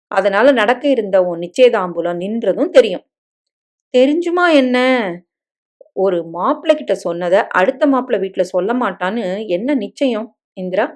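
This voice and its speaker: A woman voicing a devoted young husband in a dramatic story reading, soft and coaxing in manner. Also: mid-range voice, lightly acted.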